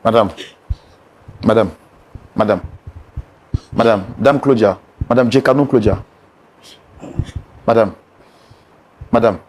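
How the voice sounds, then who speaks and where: A man hosting and mediating a couple's dispute, patiently calming the guests with repeated gentle commands. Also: fairly low pitch, slow pace, pauses often. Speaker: host and mediator.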